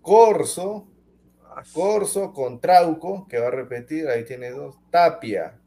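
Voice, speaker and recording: A man's voice: a little high, lively intonation, slow, warm tone. A man on a sports chat show, rattling off football lineups in casual talk.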